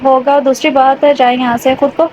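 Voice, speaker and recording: A woman's voice: high voice, flat delivery, a little mellow. A woman narrating a romance audio novel, reading every character's lines in her own voice. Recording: dull lo-fi recording with faint noise.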